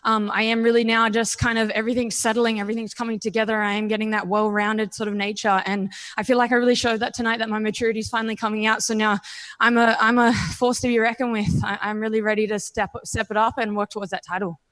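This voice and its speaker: A woman's voice: medium pitch, little pitch movement, fast talker, few pauses, a bit bright. A woman in her twenties with an Australian accent, a professional fighter giving candid, confident, casual answers in a post-fight interview. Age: 20s.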